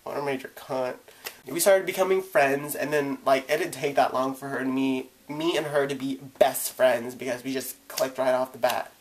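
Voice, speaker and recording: A man's voice: mid-range voice, fairly even intonation, moderate pace, slight background noise. A young man vlogging, telling a personal story in a casual, chatty way with lots of "like" and "you know".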